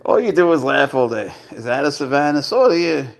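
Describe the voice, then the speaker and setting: Guy doing a chill live stream, gravelly voice, baby-talks his cat, laughs a lot. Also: a little high, big pitch swings, moderate pace. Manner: doting, playful baby talk to his pet, laughs often. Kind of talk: casual live-stream chat.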